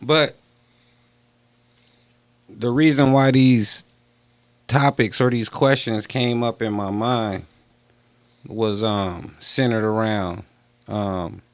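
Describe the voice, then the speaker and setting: A man's voice: fairly low pitch, fairly even intonation, slow pace, pauses often, no echo. Laid-back man hosting a livestream. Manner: laid-back, slangy, asks questions. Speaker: livestream host. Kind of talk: casual livestream chat.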